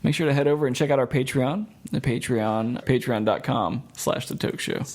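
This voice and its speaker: A man hosting a laid-back podcast with friends. His voice is average in pitch with a gravelly edge, and he laughs easily as he wraps up the episode and points listeners to the show's pages. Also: normal speed, darkish tone. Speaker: podcast host. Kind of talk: casual podcast chat.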